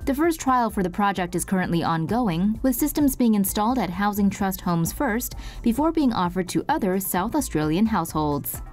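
A woman narrating a scripted news report in an even, informative voice-over. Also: mid-range voice, moderate pace, few pauses, faint music behind.

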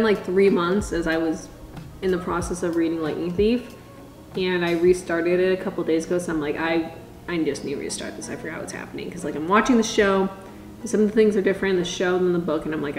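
A woman's voice: fairly low pitch, reverberant. A woman in her twenties chatting casually and rambling in asides to the viewer, chewing and eating while she talks. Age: 20s. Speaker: vlogger. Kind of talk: casual chat over a meal. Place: small room at a dining table, indoors.

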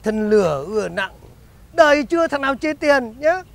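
Comedy sketch: a bossy schemer, high-pitched and animated. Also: male voice, normal speed, gravelly, heavily acted. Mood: smug. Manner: bossy, ends phrases with a teasing "nhá". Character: crafty, bossy male schemer who hogs money. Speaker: comic actor.

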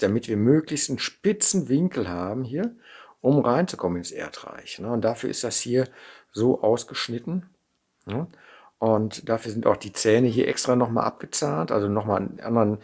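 A man's voice: mid-range voice, a little mellow, slightly rough. A middle-aged man from the Ruhr area with a Ruhr German accent, chatting and thinking aloud as he demonstrates assembling a kit at his workbench, often tagging sentences with a questioning "ne?". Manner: chatty, thinking aloud while working, frequent "ne?" tags. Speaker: model kit maker. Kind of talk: unscripted hands-on build demonstration. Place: indoor workbench. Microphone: camera mic over a tabletop, hands in frame.

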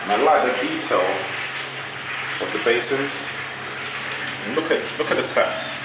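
A man's voice: mid-range voice, lively intonation, a little slow, roomy sound, heavy background noise. A man, reviewing a restaurant in an enthusiastic, chatty vlog and giving scores out of five. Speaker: food vlogger. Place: restaurant and home room.

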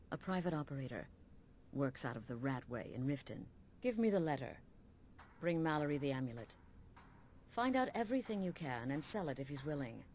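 A woman's voice: deep voice, a little mellow, slight background noise. An actress voicing a hard-edged female assassin guild leader in a video game, blunt and commanding with a wry edge. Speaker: game character.

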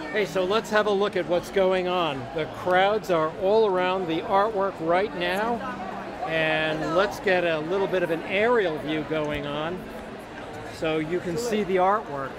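An upbeat man in his fifties talks into a handheld phone as he walks a packed exhibition hall, his voice sitting fairly high for a man. A loud crowd and a steady hall din sit right behind him. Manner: upbeat, chatty, quick. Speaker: livestream host. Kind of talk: casual live walkaround. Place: large busy indoor exhibition hall. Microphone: phone camera at arm's length. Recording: loud crowd noise around.

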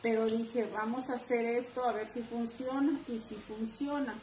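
A woman's voice: fairly high pitch, steady tone, moderate pace, a little mellow, far from the mic. A middle-aged woman with a northern Mexican accent teaching a live craft class, chatty and talking straight to her viewers. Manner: chatty, addresses viewers directly. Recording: echoey room, faint background noise.

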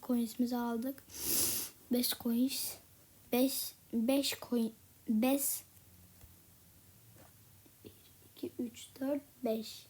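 A woman giving casual gameplay commentary in a soft, half-whispered voice, a little sick with a slightly rough voice. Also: sits high. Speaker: gaming channel host.

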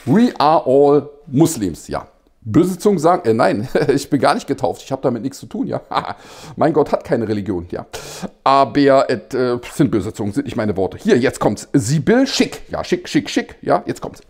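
A man's voice: medium pitch, big pitch swings, moderate pace, darkish tone. A man hosting a satirical news show, reading out headlines and adding ironic, mock-innocent asides, often chuckling between remarks.

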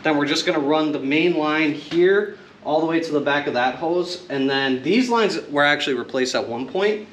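A man's voice: fairly high pitch, normal speed, few pauses. A young man casually explaining brake line work while joking with his friend in a home garage. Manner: relaxed, joking, talks while working on the car. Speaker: co-host of a car repair channel. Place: home garage with open door. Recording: noisy garage with tool clatter.

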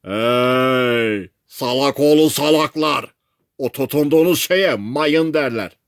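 Man putting on rude rescue sailors in a storybook, shouting abuse by megaphone, raised pitch. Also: moderate pace, no room sound, clean studio sound, close to an everyday voice. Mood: yelling. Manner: yelling insults through a megaphone. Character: angry shouting male lifeboat sailors.

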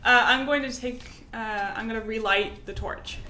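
A woman playing a tabletop game, speaking in tentative, halting bits. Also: fairly high pitch, steady tone, bright, forceful tone, echoey room, slight background noise. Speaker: player. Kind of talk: casual tabletop gaming chat.

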